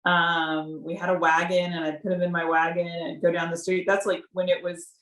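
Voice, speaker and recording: A woman's voice: lowish voice, little pitch movement, a little fast, a bit bright. A middle-aged woman giving informal interview answers in a conversational, emphatic way, often checking in with "right?". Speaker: corporate community partner being interviewed. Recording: roomy, echoing sound.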